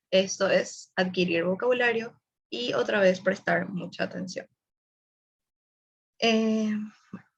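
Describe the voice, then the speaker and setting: A young woman with a mid-range voice gives a casual online webinar presentation, explaining tips and addressing her audience directly. The audio sounds dull.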